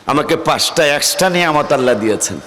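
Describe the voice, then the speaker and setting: Fiery shouting preacher man from Faridpur. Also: fairly high pitch, lively intonation, quick pace. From Faridpur, Bangladesh. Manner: swings between hushed talk and loud shouted exhortation, chanting Arabic verses. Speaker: Islamic preacher. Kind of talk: fiery open-air sermon with call-and-response. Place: outdoor field gathering before a crowd. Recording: echoey open-air PA sound with crowd.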